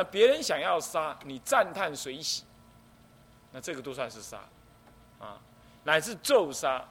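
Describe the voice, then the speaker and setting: Man, middle-aged, Buddhist abbot, precepts lecture, lively rising and falling tone, explanatory, faint background hiss. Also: on the high side. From Taiwan. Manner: explanatory, lively, acts out quoted speech.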